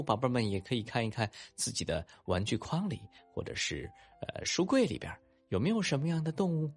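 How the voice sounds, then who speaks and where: A man narrating a children's story and talking to young listeners afterward, with animated asides. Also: fairly low pitch, slightly rough. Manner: animated, warm-toned coaxing asides to kids.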